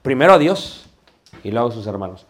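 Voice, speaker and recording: A man teaches a homiletics class to a church group. He talks in a lively, joking way and keeps calling his listeners brothers and sisters. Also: mid-range voice, a little fast, slight background noise. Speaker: preaching instructor.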